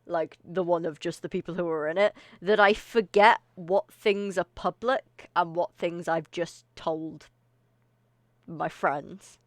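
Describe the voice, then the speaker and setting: Low-voiced woman streamer, breathless and rambling. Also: steady tone, takes it slowly, no room sound, studio quality. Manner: rambling, scattered, laughs often. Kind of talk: casual livestream chat.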